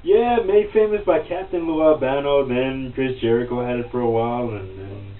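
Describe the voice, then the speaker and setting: A man's voice: mid-range voice, moderate pace. A man co-hosting a casual wrestling podcast, easygoing and agreeable, filling his talk with "uh" and "man". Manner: easygoing, agreeable, many fillers. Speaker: podcast co-host. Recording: roomy, distant, phone-like, faint noise.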